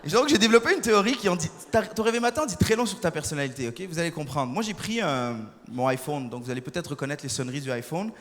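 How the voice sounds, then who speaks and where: Young man, stand-up comic, fast high bright voice, reverberant hall. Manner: animated, bursts into shouted impressions. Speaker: stand-up comedian. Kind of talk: stand-up comedy set. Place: large theater stage. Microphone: stage microphone. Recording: reverberant hall, faint audience noise.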